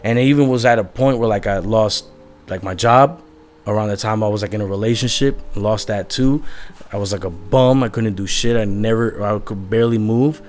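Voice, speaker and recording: A young musician guest talks candidly and rambles in a casual conversation, leaning heavily on "like" as filler. His voice is lowish, brisk and a little mellow, with faint music behind him.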